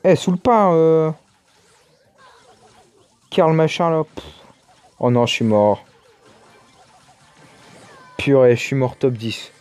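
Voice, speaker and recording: A man's voice: on the high side, animated, takes it slowly, pauses often, a little mellow, clear, resonant tone, no echo. A man giving casual, chatty commentary over his own gameplay, exclaiming and muttering to himself as he plays. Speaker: gaming YouTuber.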